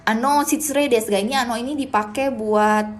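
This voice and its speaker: Young woman teaching japanese on a live, chatty and casual, kinda high voice. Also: a little fast. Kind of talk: live-stream language lesson.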